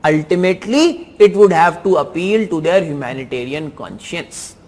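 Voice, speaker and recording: A man's voice: on the high side, animated, moderate pace, a little mellow. A man with an Indian English accent reviewing exam answers in a lesson, repeating key phrases for emphasis. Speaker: teacher.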